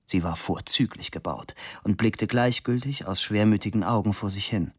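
A man reading a novel aloud as narrator, expressive and lively. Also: lowish voice, normal speed, slightly rough, dry recording, studio quality. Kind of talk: audiobook narration.

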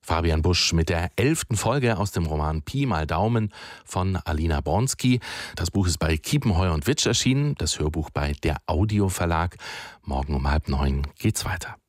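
Very deep-voiced radio announcer. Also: male voice, animated, moderate pace, dry recording, clean studio sound. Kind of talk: station announcement.

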